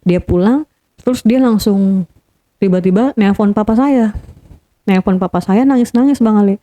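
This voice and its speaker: A woman's voice: mid-range voice, moderate pace, warm tone. Earnest woman recounting a painful memory. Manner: earnest, re-enacts quoted dialogue, repeats for emphasis. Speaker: guest sharing a personal story. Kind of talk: emotional first-person storytelling.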